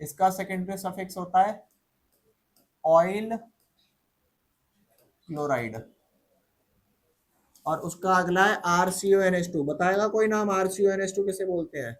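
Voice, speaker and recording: A man's voice: sits high, a little slow, long pauses. A male teacher giving a casual chemistry lecture, quizzing the class over and over and answering himself in a slangy, teasing way.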